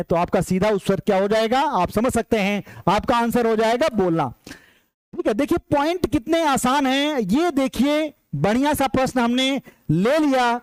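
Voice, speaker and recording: A man's voice: very high voice, no room sound, poor audio. A man teaching an exam-prep lecture, emphatic and repetitive, calling his viewers brothers as he drills key points. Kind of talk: online lecture.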